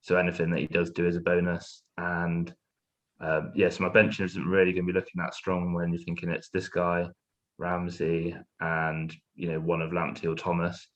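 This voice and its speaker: Man, podcast guest, very deep voice, relaxed, slangy, casual chat. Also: normal speed, lo-fi sound.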